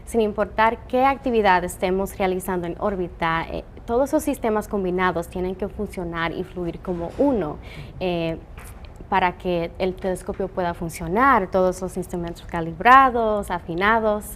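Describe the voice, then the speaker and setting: A woman engineer from the Dominican Republic, who works in telescope operations, answers interview questions earnestly with many "eh" fillers. Her fairly low, fairly bright voice moves at a moderate pace over slight background noise.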